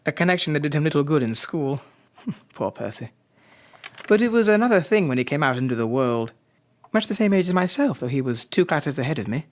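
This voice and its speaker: A man's voice: on the high side, sing-song, a little fast. Man acting as polite, genial Doctor Watson. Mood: reflective. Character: genial, loyal gentleman doctor, Victorian England. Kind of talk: audio drama acting.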